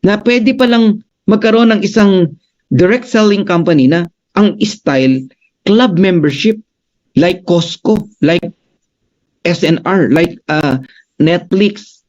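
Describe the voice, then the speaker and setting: A male business coach gives an animated, emphatic presentation and keeps checking in with his audience. His voice sits somewhat high for a man. The recording is muffled and lo-fi. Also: slow pace, pauses often.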